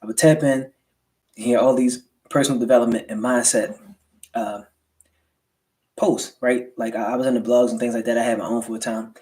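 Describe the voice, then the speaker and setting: An American man talks to his livestream audience in a casual, motivational way. His words are slightly slurred from a swollen lip. He keeps it colloquial, dropping in quick check-in questions as he goes. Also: mid-range voice, fairly even intonation, warm tone, rough recording. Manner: colloquial motivational delivery with rhetorical check-ins. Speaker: livestream host, entrepreneur. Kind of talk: casual livestream talk to viewers.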